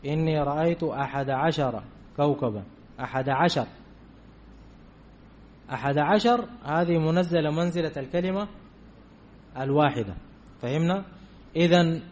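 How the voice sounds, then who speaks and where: A man's voice: a little high, darkish tone, slight background noise. A man teaching a grammar lesson, repeating key terms and often checking that his students understand. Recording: dull lo-fi recording.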